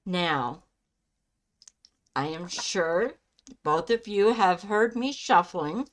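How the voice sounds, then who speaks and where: Slow-paced woman hosting a casual live stream. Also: lowish voice, animated. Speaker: live stream host giving psychic love readings.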